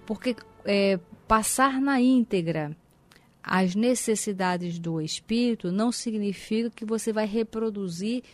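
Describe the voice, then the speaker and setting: A woman's voice: medium pitch, unhurried, no room sound, soft background music. A woman co-hosting a spiritual talk program who tells stories animatedly and acts out the dialogue. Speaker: co-host. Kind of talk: casual chat on a spiritist program.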